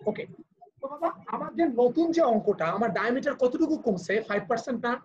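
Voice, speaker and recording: A man with a Bangladeshi accent speaks at an extremely high pitch with lively intonation, talking fast in a slightly mellow voice. He teaches physics in a live online class, explaining patiently step by step and switching to English for technical terms. The muffled, lo-fi video call audio carries slight background noise.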